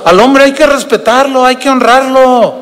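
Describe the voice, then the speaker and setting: Older male pastor, Mexican accent, high-pitched and emphatic sermon voice, big hall reverb. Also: moderate pace, fairly bright tone, a little hiss or hum. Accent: Mexican Spanish. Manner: emphatic, repeats phrases, addresses listeners as brothers. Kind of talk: sermon with storytelling. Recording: long reverb of a large hall.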